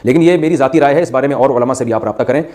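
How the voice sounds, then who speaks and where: A male Islamic scholar answers a viewer's question in a mid-range voice. He works through the reasoning in a measured way and presents it as his own opinion. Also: medium pitch, mellow. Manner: measured, reasoning aloud, offers a personal opinion.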